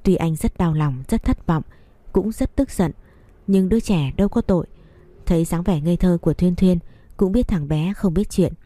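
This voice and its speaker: Woman story narrator, steady reading, dark mellow voice, dry close recording. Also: lowish voice, normal speed, no room sound.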